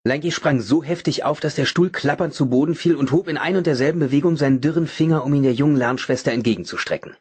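A man reading a novel aloud as audiobook narrator, in a dramatic, even manner. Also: fairly high pitch, quick pace, few pauses, husky. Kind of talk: scripted narration.

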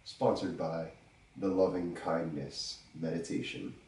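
A deep-voiced man with a stuffed-up nose hosts his own podcast at an unhurried pace, joking dryly and thinking aloud between pauses. He sits back from the mic in a roomy space that gives his voice an echo. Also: warm tone, recorded from a distance. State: stuffed up from a cold. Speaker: podcast host. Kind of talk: casual solo podcast talk.

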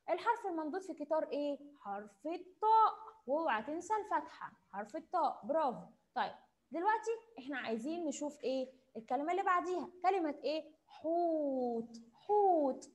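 A young woman with an Egyptian accent, teaching young children in an online class, drawing out her words slowly as she asks questions and praises them. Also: sits high. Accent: Egyptian Arabic. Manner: slow, drawn-out prompting questions with cheerful praise. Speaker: kindergarten teacher. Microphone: computer mic on a video call.

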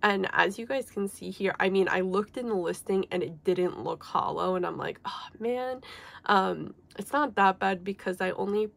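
At a normal speed and with few pauses, a young K-pop collector vlogger talks through her haul in a creaky, fairly bright, medium-pitched voice that's a little off since she's ill. It's casual unboxing chatter, packed with "like" and "um."

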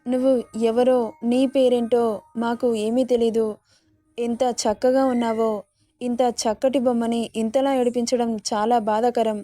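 A commanding old matriarch of a rich household, stern with her staff yet tender with a frightened girl, as a woman narrator puts her on. The voice sits a little high, with a narrow, even melody. Its tone is mellow and dark, recorded close and dry. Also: a little slow, no echo, soft background music, close to an everyday voice. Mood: soothing. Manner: commanding, then soothing. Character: stern but tender wealthy old grandmother.

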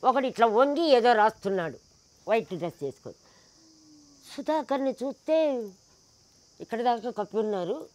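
A woman with an expressive, somewhat high voice and a darkish tone speaks at normal speed, pausing often. In an interview, she tells a personal story emphatically, acting out the people in it and posing indignant rhetorical questions.

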